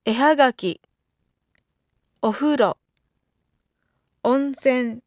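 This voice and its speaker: A woman reading out lesson vocabulary carefully, one isolated item at a time with pauses between. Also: on the high side, no room sound, studio quality. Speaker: Japanese vocabulary reader. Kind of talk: scripted word-list reading for a language lesson.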